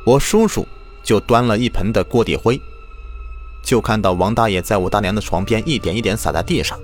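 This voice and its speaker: A man's voice: fairly low pitch, brisk. A man hosting a ghost story program, narrating a submitted story dramatically. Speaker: storyteller host. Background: faint background music.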